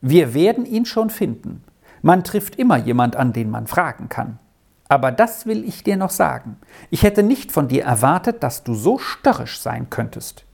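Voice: mid-range voice, big pitch swings, normal speed, creaky, darkish tone. A reader voicing an insistent, well-off lady traveler who scolds and commands in an audiobook story. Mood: annoyed. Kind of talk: audiobook reading.

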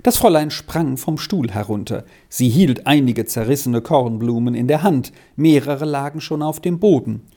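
A reader narrating a classic children's story in a measured, expressive way. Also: medium pitch. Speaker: audiobook reader.

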